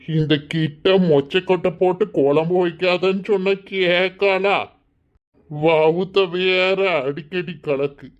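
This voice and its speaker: A man's voice: sits high, steady tone, slow pace, muffled recording. A man voicing a boastful old village man with a Kanyakumari Tamil accent, drawling and half singing his lines in a cartoon. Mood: grumbling. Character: boastful old village man, self-styled local king. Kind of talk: cartoon voice acting.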